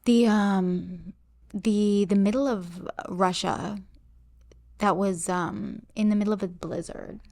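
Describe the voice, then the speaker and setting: A woman's voice: medium pitch, steady tone, slow, vocal fry, darkish tone, no room sound, studio quality. A young woman co-hosting a podcast, chatting casually and rambling with lots of fillers. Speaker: podcast co-host. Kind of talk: casual chat.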